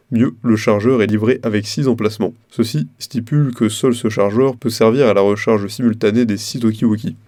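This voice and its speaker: Male narrator for scripted product review: dark, mellow tone, formal read delivery, dry sound. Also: fairly low pitch, no echo.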